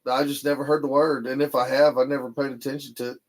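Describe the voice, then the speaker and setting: A Texan man hosts a paranormal livestream, chatting casually and reading viewer comments aloud. His mid-range voice keeps a level tone and moves fast.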